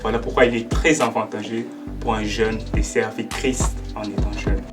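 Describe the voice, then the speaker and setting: Measured young man, far mic. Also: on the low side, little pitch movement. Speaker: young church member. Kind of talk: testimony with Bible quotation. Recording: distant mic with background music.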